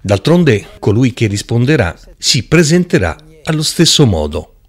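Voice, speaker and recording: A man preaching a Bible-teaching sermon in an emphatic, deliberate, rhetorical way. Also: mid-range voice, very animated, slightly rough.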